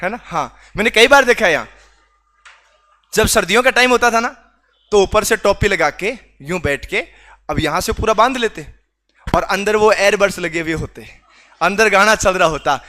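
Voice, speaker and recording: In a classroom, a man teaching a reasoning class lectures in a high, bright voice at a normal speed, leaving long pauses. He teases his students, scolds them for not answering, and pushes them to respond out loud.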